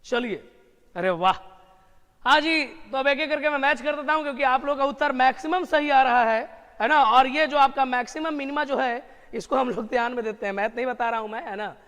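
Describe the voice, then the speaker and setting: A man teaching English grammar in a live online class, energetic and full of praise for his students. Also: very high-pitched, brisk, clear, resonant tone, big-room sound.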